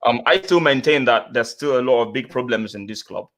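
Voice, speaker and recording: A man's voice: mid-range voice, brisk, a bit bright. A man from Nigeria hosting a casual football reaction live stream, reading out viewer comments and repeating himself as he goes. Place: home studio, remote guests on call.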